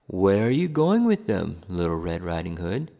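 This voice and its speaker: A man doing a gruff wicked wolf. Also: low voice, very animated, moderate pace, warm tone, big-room sound, pitched below the performer's own voice. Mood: sly. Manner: gruff, sly questioning.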